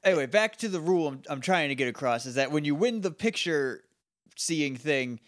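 A man's voice: on the high side, lively intonation, brisk. A man in a casual podcast chat, laying out how things work in a plain, matter-of-fact way.

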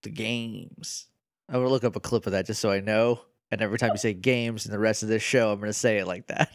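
A man's voice: fairly low pitch, fairly even intonation, rapid-fire, no room sound, clean studio sound. A man co-hosting a podcast, joking and laughing often in casual chat. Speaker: podcast co-host.

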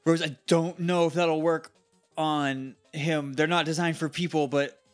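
A man's voice: on the high side, fairly even intonation, measured pace, soft background music. A man playing a tabletop role-playing game, chatting casually and joking often. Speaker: player.

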